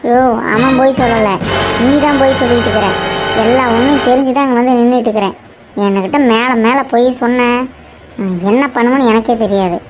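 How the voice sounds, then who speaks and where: A woman's voice: fairly high pitch, fairly quick, over music, natural voice, poor audio. A woman voicing a distressed, tearful village wife in a cartoon drama, speaking in a with a pleading, reproachful tone. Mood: angry. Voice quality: pleading, reproachful, flat despairing tone.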